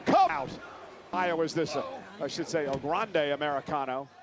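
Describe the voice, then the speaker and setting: A man working as a wrestling commentator, calling live moves in exclamatory bursts that move between conversational remarks and shouts. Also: a little high, normal speed. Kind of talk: excited live wrestling play-by-play and banter. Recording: loud arena noise behind the voice. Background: noisy wrestling event.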